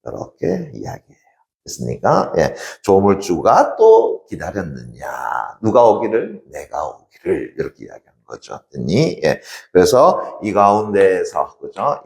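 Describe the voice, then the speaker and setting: A man's voice: low voice, gravelly, reverberant. A man teaching a literature class in a lecture style, asking rhetorical questions and answering them himself.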